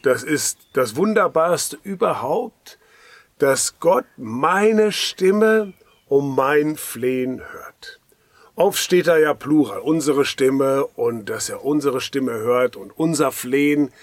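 A man giving a daily devotional sermon as a pastor, earnest and pastoral, often dropping to a hushed whisper. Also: mid-range voice, lively intonation, slow pace, dry recording.

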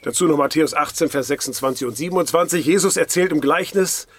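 A man preaches a daily devotional in a husky, slightly breathy voice. He speaks earnestly and pastorally, often sinking into a hushed whisper for emphasis. The sound is dry and close to the mic. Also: fairly high pitch, quick pace, dry recording.

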